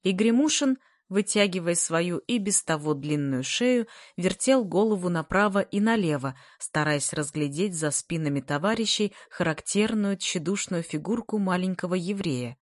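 A woman with a fairly low voice reads a storybook aloud and tells it with expressive life. The recording is dry and close. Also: normal speed, hardly any pauses, no echo. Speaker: audiobook narrator. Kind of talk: scripted narration.

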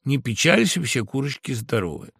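A man voicing a crafty, flattering female fox in a storybook reading, sweet-talking and theatrical. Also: mid-range voice, moderate pace, creaky, breathy edge, no echo, studio quality, pitched above the performer's own voice, exaggerated voice. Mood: sly flattery. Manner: sweet, theatrical, falsely gushing.

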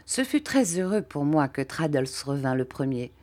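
Low-voiced woman reading a novel aloud. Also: very animated, moderate pace, warm tone, no room sound. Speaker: audiobook reader. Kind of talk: scripted narration of a classic novel.

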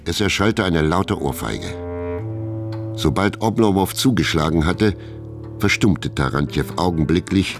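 A man narrating a radio drama in a measured storytelling manner. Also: sits low, animated, music in the background. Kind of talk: scripted narration.

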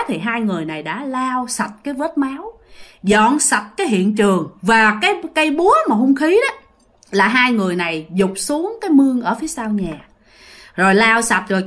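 Lively woman storyteller. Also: fairly high pitch. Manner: chatty, addresses listeners as "các bạn". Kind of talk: casual ghost-story narration.

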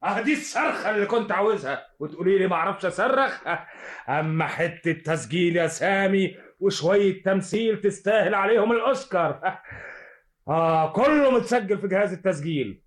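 A jovial Egyptian film director in an old radio play, heartily praising through laughter. His voice rides noticeably high. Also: expressive, a little fast. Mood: delighted. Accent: Egyptian Arabic. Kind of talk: vintage radio drama acting.

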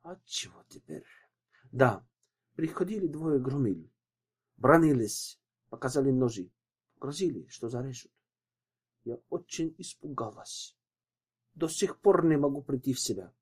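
Man reading as a scared weeping widow, shaky and pleading, lifted higher, husky soft tone, storybook audiobook. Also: animated, unhurried, long pauses. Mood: shaken. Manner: trembling, pleading. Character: frightened young widow, tearful.

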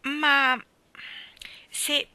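Woman reader playing a stubborn, whiny little boy, bright edge, higher-pitched, audiobook. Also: level tone, extremely slow, dry recording, heavily acted. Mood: pestering. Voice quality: insistent, whiny.

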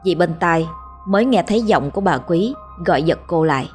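A woman narrating a ghost story in a steady, dramatic reading. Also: lowish voice, fairly quick, soft background music.

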